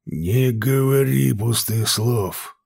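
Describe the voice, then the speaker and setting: Male narrator's stern warrior: low-key, husky, slow, threatening. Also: animated, mellow, exaggerated voice. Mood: menacing. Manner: slow, drawling, menacing. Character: stern male warrior overseer, cold, commanding.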